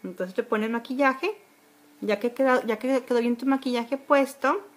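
Woman, 40s, homely beauty vlogger, rambling casual tutorial talk, slightly high voice, phone mic in a bedroom. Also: steady tone, normal speed. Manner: chatty, homely, many fillers. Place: bedroom at home. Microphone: phone camera at arm's length.

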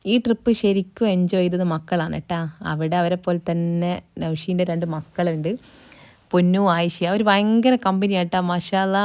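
A young woman narrates her travel vlog in a chatty, easygoing way. Her voice sits a bit low and mellow. It is recorded close and dry, with no room sound. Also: clear, resonant tone, no echo. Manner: chatty, tag words at line ends. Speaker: travel vlogger. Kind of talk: casual voice-over narration.

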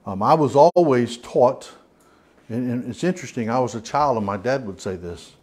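A man's voice: mid-range voice, animated, moderate pace, darkish tone, slightly rough. A man with a Southern US accent leading a church Bible study, talking in a folksy, rambling way with many restarts and fillers. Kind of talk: informal Bible study teaching. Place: church hall.

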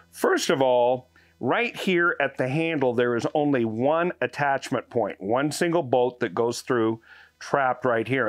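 A man's voice: mid-range voice, no room sound. Older male host, folksy hands-on tool reviewer, dry close sound. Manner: folksy, explanatory, hands-on demonstrating. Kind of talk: casual product review. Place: garage workshop, then outdoors on a farm yard.

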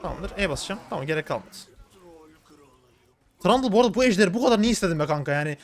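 Male gaming streamer, high voice, very fast play-by-play commentary. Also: a little hiss or hum. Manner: rapid, excitable, slangy, talking to viewers. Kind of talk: live gameplay commentary.

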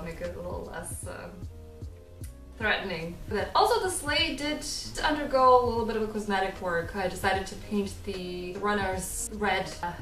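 A craft vlogger in her thirties casually narrates a tour of her home from the living room, chatty and self-mocking, laughing often. Her voice is mid-range and a bit bright, and the indoor recording sounds roomy and distant, with background music behind her.

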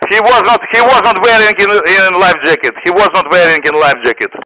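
A ship captain answering over marine VHF radio in halting, broken English full of fillers. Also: male voice, high voice. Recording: tinny marine radio with static.

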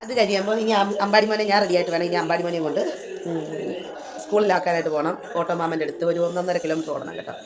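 A woman's voice: lowish voice, fairly even intonation, racing, music in the background. A woman filming a casual family vlog at home, talking to the viewers and coaxing her small child in a sing-song way. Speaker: vlogger and mother.

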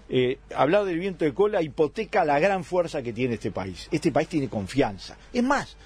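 A husky, slightly raised voice belongs to a man. His pitch leaps widely as he argues in a radio debate. He repeats phrases and presses each point hard. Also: a little mellow. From Italy. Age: 60s. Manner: emphatic, argumentative, repeats phrases for stress. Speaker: debate guest.

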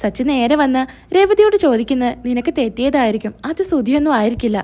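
A woman's voice: high-pitched, expressive, fast, warm tone. A woman retelling a TV serial episode, narrating the scenes and speaking each character's lines in her own voice.

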